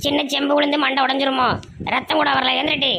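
A woman with a Tirunelveli Tamil accent in a village comedy skit, loud and complaining. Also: sits high, little pitch movement, fast talker, creaky, background noise. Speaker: comedy sketch actor.

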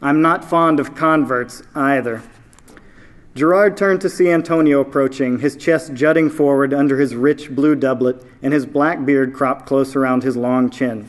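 A man, an author, reading his own fiction aloud at a live event in a measured storytelling manner. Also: mid-range voice, steady tone, darkish tone.

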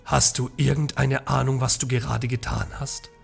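A man's voice: fairly high pitch, fairly even intonation, moderate pace, faint music behind. A man voicing a passionate, desperate young queen in a storybook read from a game. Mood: despairing.

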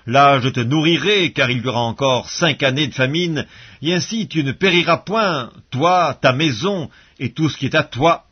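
A man reading scripture aloud in a measured, solemn way, pausing between phrases. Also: a little high, husky. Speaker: Bible reader. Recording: dull lo-fi audio recording.

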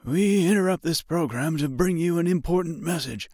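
Man putting on an urgent radio announcer, formal clipped bulletin, raised pitch, dry. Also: animated, normal speed, a little mellow, no room sound.

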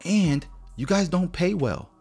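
A barber business mentor in his thirties delivers a blunt, direct finance lesson to camera from a small home studio, close to a podcast mic, leaning on "guys" and "right" again and again. His voice is high, expressive and a little slow, with a darkish, husky tone. Soft music plays in the background.

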